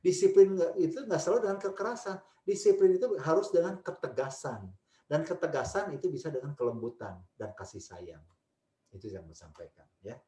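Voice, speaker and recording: A man answering questions as a speaker in a church family webinar, talking emphatically and stressing points with pitch. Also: lively intonation, a little fast, mellow, echoey room. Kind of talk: webinar Q&A talk.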